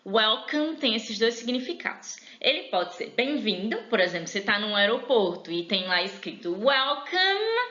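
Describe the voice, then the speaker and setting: A Brazilian woman teaches English in a chatty, encouraging way, drilling each word slowly and more than once. Her voice is bright and forward. The sound is echoey and a little dull, as if taped in a bare room. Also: medium pitch. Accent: Brazilian Portuguese. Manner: chatty and encouraging, repeats words slowly for learners. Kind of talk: online English lesson, explaining and drilling pronunciation.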